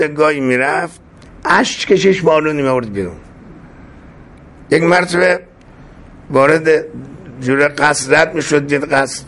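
Man with a husky voice telling a folk tale. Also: a little high, fairly bright tone. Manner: folksy and colloquial, with frequent asides. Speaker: storyteller. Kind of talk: informal oral storytelling.

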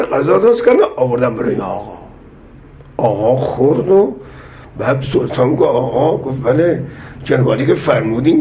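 A man preaching a sermon, speaking slowly and with measured weight, and acting out the voices of the people in the stories he tells. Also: a little high, vocal fry. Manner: slow, measured delivery, voicing the people in his stories. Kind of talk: sermon with storytelling.

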